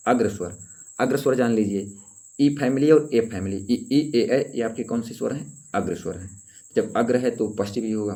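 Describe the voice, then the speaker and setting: With a low, warm, mellow voice, a man leads a grammar lesson geared toward an exam. He quizzes his class and answers his own questions, repeats key points so they stay with students, and draws out sounds as he demonstrates vowels.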